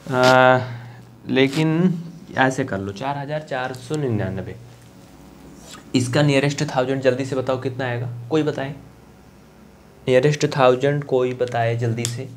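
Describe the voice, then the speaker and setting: Coaching class में समझाते मास्टरजी. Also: male voice, medium pitch, slight background noise. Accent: eastern Uttar Pradesh Hindi. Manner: chatty, coaxing, asks students to answer. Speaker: maths teacher. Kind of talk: live online maths class.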